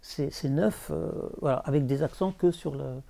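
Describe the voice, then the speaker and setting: A man talking as a literary translator before an audience, halting, repeating words and chanting verse rhythms. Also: on the high side, creaky, mellow. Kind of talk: bookshop talk with audience.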